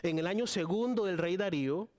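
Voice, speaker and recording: A man's voice: sits high, brisk, slight background noise. A young Costa Rican man with a Costa Rican accent, preaching a casual guest sermon with lots of fillers and restarts. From Costa Rica. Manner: chatty and warm with frequent fillers and restarts.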